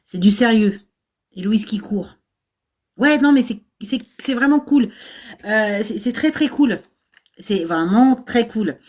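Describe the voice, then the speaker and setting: Middle-aged woman rambling on a live stream, slightly high voice, laughs a lot, lots of ums. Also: expressive, takes it slowly, long pauses, a little mellow. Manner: chatty, laughing, self-mocking, many fillers. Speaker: nursing-assistant VAE coach and livestream host. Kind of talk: casual livestream chat with viewers. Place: old house without air conditioning.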